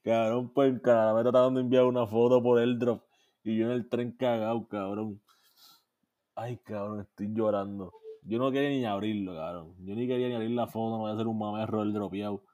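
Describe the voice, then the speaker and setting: A man's voice: lowish voice, fairly even intonation, a little fast, mellow, dull audio. A man, co-hosting a podcast in casual, profane chat and mixing in English phrases. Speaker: podcast co-host.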